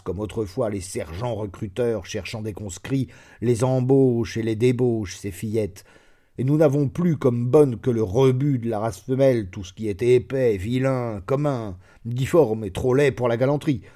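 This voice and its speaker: A man reading a classic story aloud in an expressive, measured storytelling manner. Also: mid-range voice, slightly rough. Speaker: audiobook reader. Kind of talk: literary narration.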